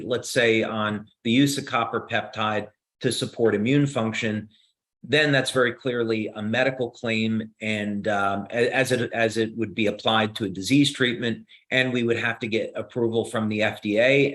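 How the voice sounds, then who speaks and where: Over a video call, a man with a New Jersey accent explains science in a measured, steady way, often saying "uh." His voice sits on the low side.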